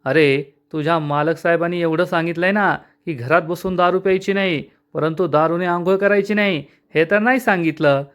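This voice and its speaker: A man's voice: on the high side, moderate pace, few pauses, fairly bright tone, close to an everyday voice. A man reading out the lines of a boastful, bullying man from a TV serial, in a jeering tone. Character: drunken, bullying grown man of the house.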